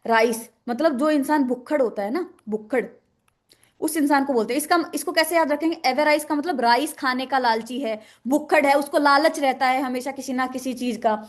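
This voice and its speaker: A woman's voice: high-pitched, brisk. A woman teaching English vocabulary, asking questions and answering them herself, repeating each word. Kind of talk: explaining in a lesson with memory tricks.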